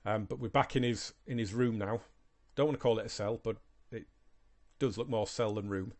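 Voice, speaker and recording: A man's voice: on the low side, fairly even intonation, moderate pace, darkish tone. A man hosting a reaction video, thinking aloud in casual commentary, often stumbling and repeating words.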